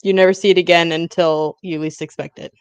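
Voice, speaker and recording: A woman's voice: fairly low pitch, fairly even intonation, clean tone, dry recording, highs cut off. A woman co-hosting a casual livestream, chatty and encouraging as she reports progress. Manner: chatty, encouraging, quick back-and-forth. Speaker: co-host of a productivity stream. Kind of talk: casual chat.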